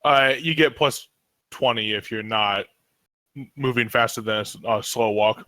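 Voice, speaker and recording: A man's voice: mid-range voice, moderate pace, bright, forceful tone, no room sound. A man taking part as a player in a tabletop role-playing game, talking upbeat with stumbling starts.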